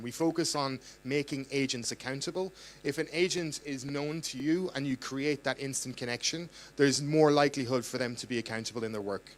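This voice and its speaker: A man with an Irish accent giving a live startup pitch at a demo night, earnest and with fillers. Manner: earnest, with fillers and mic checks.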